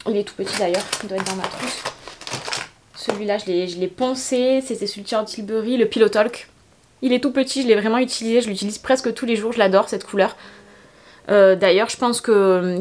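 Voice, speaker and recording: A tired young woman, chatting casually through a get-ready-with-me vlog in her bedroom, rambling with many fillers. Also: mid-range voice. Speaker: beauty vlogger.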